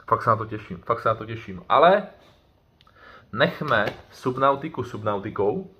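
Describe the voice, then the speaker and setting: A man's voice: on the low side, muffled recording. A man chatting casually as he unboxes items for his vlog, rambling and correcting himself as he goes. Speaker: YouTuber doing an unboxing.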